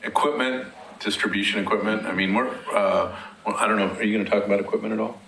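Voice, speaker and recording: A man on a committee speaking in a measured way at a public meeting, thinking aloud with some hesitation. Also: lowish voice, fairly even intonation, a bit bright, a little hiss or hum. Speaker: committee member. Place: council meeting room. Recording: echoey meeting room.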